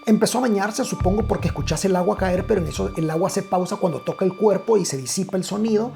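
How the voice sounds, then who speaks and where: A man with a Guatemalan Spanish accent hosts a storytelling segment, sharing a personal story with returning listeners in a casual, conversational way, with frequent fillers and restarts. His voice is high, fast, gravelly and warm. Soft music plays in the background.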